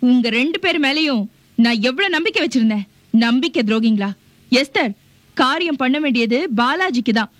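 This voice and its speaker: A woman's voice: sits high, expressive, normal speed, dry recording. An actress playing a scheming woman's spirit who taunts and bosses others around. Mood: taunting. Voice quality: taunting, bossy. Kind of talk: comedy TV serial acting.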